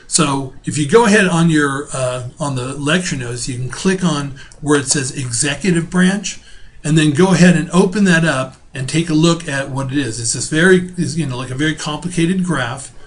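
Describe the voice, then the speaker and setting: A middle-aged man teaching a relaxed recorded video lecture from home, talking casually with fillers and restarts. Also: fairly high pitch. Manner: spells out terms slowly.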